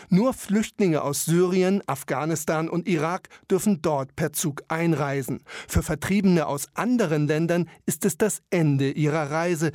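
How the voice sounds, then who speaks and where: Measured male news narrator, dry. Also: fairly high pitch, a little mellow, dry recording. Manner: measured, matter-of-fact. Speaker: reporter.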